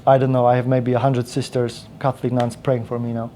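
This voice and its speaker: A man's voice: mid-range voice, level tone, a little fast, mellow, slight background noise. A man, telling his life story as a podcast guest, full of restarts and fillers. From Poland. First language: Polish. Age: 30s. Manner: rambling with frequent restarts and fillers. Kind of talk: casual interview storytelling.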